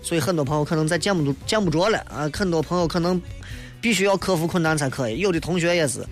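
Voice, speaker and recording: A man with a Shaanxi accent speaks in a fairly high register over background music. He hosts late-night radio casually, with blunt, homespun turns of phrase and reflective asides to his listeners. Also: quick pace. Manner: colloquial, blunt, philosophizing. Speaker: radio host.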